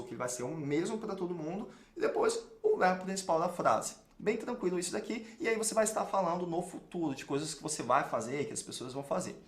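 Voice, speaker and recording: A Brazilian Portuguese-accented man teaches an online English lesson, walking through each rule step by step. His voice sits high for a man, and he checks in often. The room around him is audibly echoey. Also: fairly bright tone. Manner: explains step by step, with frequent checks like "ok?" and "beleza?".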